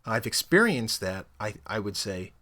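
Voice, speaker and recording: A young man whose first language is Spanish talks casually to camera, giving his opinions on learning languages. His lowish voice is very animated, bright and forceful at a normal speed, and he rambles conversationally with frequent fillers.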